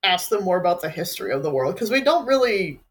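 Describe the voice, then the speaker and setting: Woman chatting about her game session, lively, laughs a lot. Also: on the low side, fast. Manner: animated, laughing often. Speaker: tabletop game player. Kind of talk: casual podcast chat.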